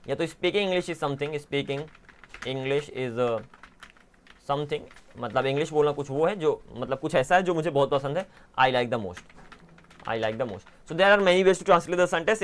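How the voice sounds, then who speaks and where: Indian man, spoken-English tutor, slightly high voice, methodical step-by-step explanations. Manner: explains step by step, slows down to spell out English examples. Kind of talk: online language lesson, Hindi mixed with English.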